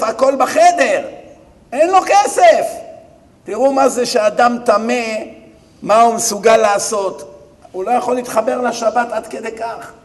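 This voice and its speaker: A high-pitched male rabbi preaches in a dramatic way, turning from loud outbursts to hushed, low asides. He speaks straight to the audience with rhetorical questions, and his voice carries a long hall reverb. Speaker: rabbi giving a lecture. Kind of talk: sermon.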